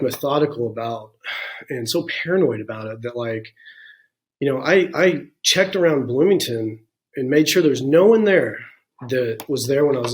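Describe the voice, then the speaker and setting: A man in his forties, a guest in an interview, telling his own story frankly and reflectively, with plenty of "you know" and "um" along the way. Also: mid-range voice. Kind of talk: candid personal storytelling in a conversation.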